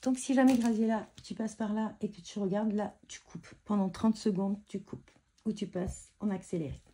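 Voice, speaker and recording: A woman's voice: mid-range voice, steady tone, moderate pace, warm tone, husky. A woman chatting casually as she shows her craft purchases, hesitant and full of fillers and restarts. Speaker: scrapbooking vlogger showing purchases. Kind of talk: casual show-and-tell chat.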